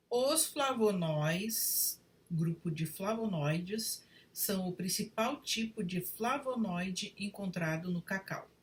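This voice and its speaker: A woman giving a read-aloud grammar lesson, spelling out spelling rules one word at a time in a deliberate way. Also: mid-range voice, far from the mic. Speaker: Portuguese writing teacher.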